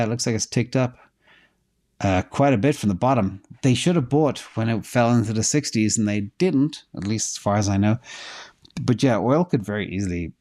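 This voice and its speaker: A middle-aged man who is losing his voice hosts a casual livestream, answering viewer questions and thinking aloud with fillers as he checks data. His voice is fairly low and a little mellow.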